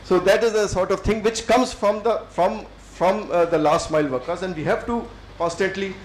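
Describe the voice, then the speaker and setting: A middle-aged Indian man with an Indian English accent gives a thoughtful lecture to students, with many fillers and pauses. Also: high-pitched, reverberant, slight background noise, poor audio. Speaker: civil servant speaker. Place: lecture hall.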